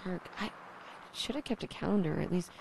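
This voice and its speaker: A woman's voice: fairly low pitch, expressive, quick pace, creaky, a little mellow, slight background noise, rough recording. A woman playing a young survivor who broadcasts alone on the radio, rambling and self-deprecating, swearing when flustered, in an audio drama. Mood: wry. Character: young woman survivor, lonely, nervous, wry.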